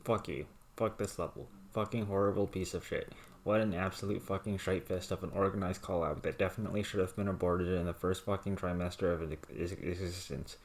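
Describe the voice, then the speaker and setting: A low-voiced man reads written rants aloud at a fairly quick pace, keeping a deadpan, monotone delivery as though reciting plain text.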